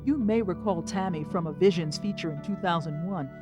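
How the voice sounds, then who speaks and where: A woman news reporter giving scripted narration for a television feature in an even, measured newsreader delivery. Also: lowish voice. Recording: voice-over with music behind.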